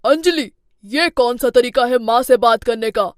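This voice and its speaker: A woman's voice: a little high, a little slow, no echo, clean studio sound, lightly acted. A woman voicing a young husband who firmly backs his mother in a cartoon story. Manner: firm, reproachful.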